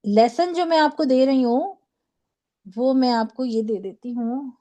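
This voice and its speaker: A woman teaching a Quran recitation class, patiently drilling syllables slowly and checking in with her students. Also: sits high, mellow. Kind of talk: online class lesson.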